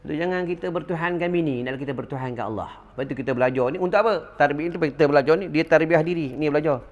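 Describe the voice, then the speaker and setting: Malaysian religious teacher, middle-aged man, higher than usual pitch, animated lecture with audience asides. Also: fast, lo-fi sound, slight background noise. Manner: animated storytelling with call-and-response fillers.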